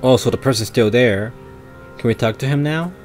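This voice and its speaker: A man's voice: mid-range voice, normal speed, a little mellow, soft background music. A man commenting on his gameplay, thinking aloud in a hesitant way with frequent fillers and restarts. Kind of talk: thinking aloud while playing.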